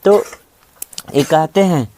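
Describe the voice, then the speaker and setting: A man's voice: on the high side, takes it slowly, warm tone, slight background noise. A man teaching a reasoning class in a classroom, coaxing the students along with frequent check-ins. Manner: coaxing, repeats "है ना" and "ठीक है". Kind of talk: classroom lecture. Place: classroom with students present, also streamed online.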